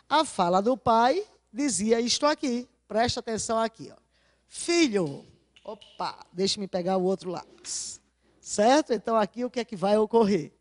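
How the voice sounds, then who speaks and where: A woman teacher going over exam answers in a video lesson, often asking her class rhetorical questions and slowly stressing key words. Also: mid-range voice, a little mellow, dry recording.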